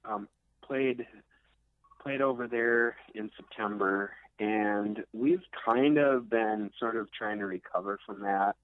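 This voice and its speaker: A rock guitarist from the United States talks slowly in a lowish voice during a casual interview. He comes across as hesitant and unassuming, and the narrow, phone-like recording has no echo.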